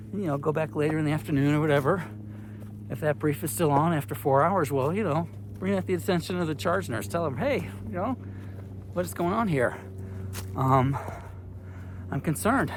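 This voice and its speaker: Relaxed middle-aged man, rambling advice. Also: a little high, noisy background. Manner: relaxed, rambling, many fillers and restarts. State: slightly out of breath. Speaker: retired long-term care professional giving advice. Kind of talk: casual advice talk to camera.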